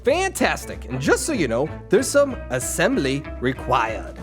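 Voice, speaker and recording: A man's voice: a little high, huge pitch swings, measured pace, music in the background. A man voicing a cheerfully greedy cartoon shark salesman with slippery, showy sales patter. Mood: wheedling.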